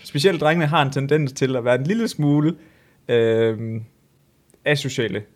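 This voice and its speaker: Young male co-host, animated storyteller, laughs a lot, casual swearing. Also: mid-range voice. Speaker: podcast co-host. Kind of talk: casual chat.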